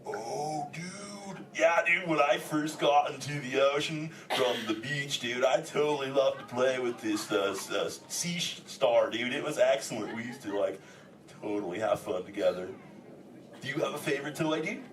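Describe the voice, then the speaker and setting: In an echoey venue, recorded from a distance amid crowd noise and audience chatter, a man improvises with a live audience as a chill male green sea turtle with surfer speech and a constant "dude." He's excited, his mid-range voice moving at normal speed with light acting.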